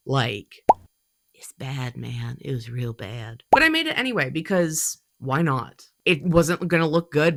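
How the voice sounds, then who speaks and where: A woman's voice: deep voice, fairly bright tone. A young woman with a stuffy nose from allergies, chatting in a rambling, self-deprecating way as she walks through her cosplay build to camera. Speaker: cosplay vlogger. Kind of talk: rambling casual talk to camera.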